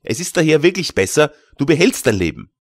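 A man's voice: on the high side, big pitch swings, a little fast, no room sound, studio quality, pitched above the performer's own voice. A man reading an audiobook, voicing a bold young journeyman who scoffs and lectures his nervous companion. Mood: scoffing.

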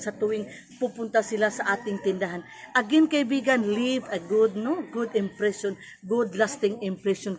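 A woman's voice: a little high, fairly bright tone. A woman from Cebu with a Cebuano accent, a store owner giving casual advice to her viewers, mixing in English and often adding "no?". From Cebu, Philippines. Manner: chatty, repeats "kaibigan" and "no?", mixes in English. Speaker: sari-sari store owner vlogger.

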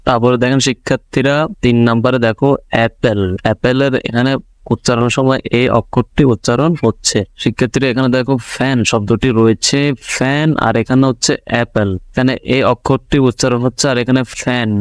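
A man's voice: mid-range voice, smooth, no echo. Patient Bangladeshi man teaching small children. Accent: Bangladeshi Bengali. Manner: patient, repetitive, asks and answers his own questions. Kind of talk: online video lesson for young pupils.

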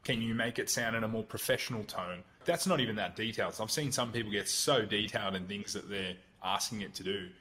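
This podcast guest is a Google Ads consultant who describes himself as blunt. His voice is lowish, bright and forceful, and he talks fast with barely a pause, chatting casually about marketing and acting out example prompts conversationally.

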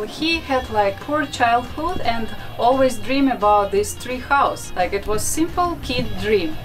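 A young woman shows viewers around a wooden treehouse with a light, higher voice and an easy, slow pace. She laughs often and her phrasing is charmingly non-native. Music plays clearly under her voice. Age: young adult. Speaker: vlogger giving a house tour. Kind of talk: casual house tour vlog. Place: small wooden treehouse and outdoor garden. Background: background music.

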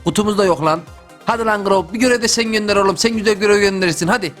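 A young man giving excitable, slangy live commentary over his gameplay as a gaming YouTuber. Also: sits high, rapid-fire, faint music behind. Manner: excitable, slangy, talks to himself and viewers.

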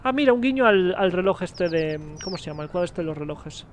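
A man from streaming a game live, chattering excitably and cursing freely as he plays. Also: high voice, a little fast, slight background noise. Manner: excitable, jokey, swears freely. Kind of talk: live gameplay commentary. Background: game music.

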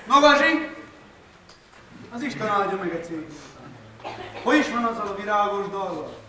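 A man's voice: high voice, sing-song, brisk, pushed and bright, slight background noise, full character voice. A man acting a jovial host who coaxes his guests and sings folk songs on stage, heard from a worn VHS tape copy of an amateur stage play. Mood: genial. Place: theatre stage. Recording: worn tape of a stage play, echoey hall, far from the mic. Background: live band playing.

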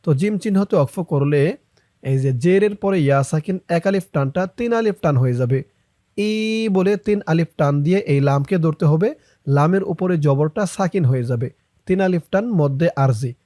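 A young man teaching Quran reading, explaining each sound and then chanting the verses slowly and drawn out. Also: fairly high pitch, dark tone, no echo, studio quality. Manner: slow, drawn-out chanting of verses between quick spoken explanations. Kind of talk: Quran recitation lesson.

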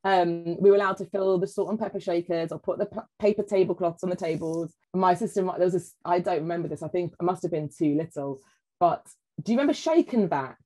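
A woman, a food writer chatting as a podcast guest and telling lively stories with many "like" and "you know" asides. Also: on the low side, fairly quick, low-quality recording. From England. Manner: animated storyteller, acts out quoted voices, frequent "like" and "you know". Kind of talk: casual chat.

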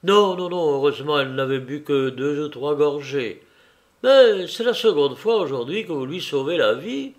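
A musing, worried country doctor, as the reader puts him on in a storybook reading. He ponders aloud with small hesitations, then speaks firmly. His voice sits somewhat high for a man. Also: animated, normal speed. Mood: insistent.

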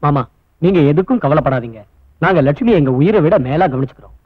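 Earnest brother, fast, husky, phone-thin audio, faint music. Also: male voice, on the high side, lively intonation, dry recording. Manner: earnest, reassuring. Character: earnest young husband's brother. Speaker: groom's brother. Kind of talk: dubbed film drama. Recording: tinny phone-like dub over film music.

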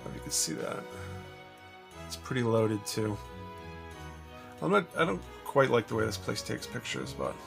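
A man's voice: on the low side, huge pitch swings, moderate pace, gravelly, long pauses, music in the background. A man casually narrating a walkthrough of his cluttered storage room, rambling and asking viewers for help. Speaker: storage unit reseller.

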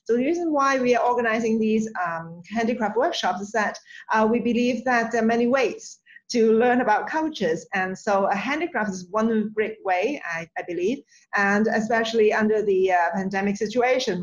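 A woman's voice: fairly high pitch, muffled recording. Woman hosting a video call, lots of fillers. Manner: friendly, hesitant with many fillers, laughs easily. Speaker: workshop host. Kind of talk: bilingual online introduction. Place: indoor office.

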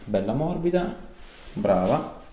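A chiropractor in his thirties talks a patient through a hands-on session in a small indoor treatment room, keeping it informal and reassuring. His mid-range, dark-toned voice is very animated yet slow, and the lo-fi recording is very echoey with faint noise.

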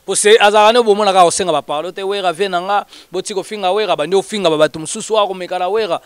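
A man talking in an animated, casual way, switching between Lingala and French. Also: high-pitched, racing, smooth, no room sound.

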